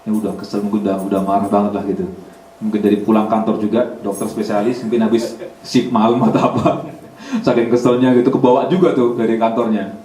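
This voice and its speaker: A man giving a religious study talk, an animated storyteller who acts out dialogue and jumps high in pitch when quoting others. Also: brisk. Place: community hall in Germany. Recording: echoey room, speaker far from mic, faint hiss.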